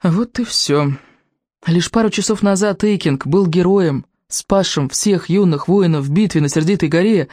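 Expressive audiobook narrator, dry sound. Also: medium pitch, normal speed, no echo. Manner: expressive storytelling. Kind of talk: scripted narration.

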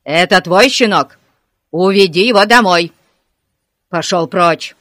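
A reader voicing a bossy village policeman who barks orders loudly, with no echo on the voice. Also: mid-range voice, moderate pace, studio quality, lightly acted. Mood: furious shouting. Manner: shouting orders. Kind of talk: audiobook character voice.

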